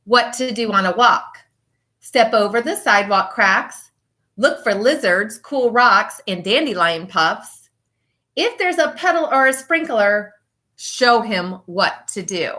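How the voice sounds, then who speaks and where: Reading a children's picture book to pupils and chatting along the way, this female teacher speaks at a medium pitch. The delivery is lively and emphatic, marked by deliberate pauses.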